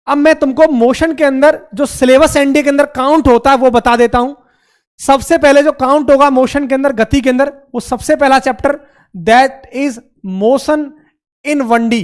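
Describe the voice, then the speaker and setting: A man's voice: very high-pitched, normal speed. A man teaching a physics lesson, repeating terms and asking questions he answers himself. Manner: repetitive, calls students beta and mere bhai. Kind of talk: classroom lecture.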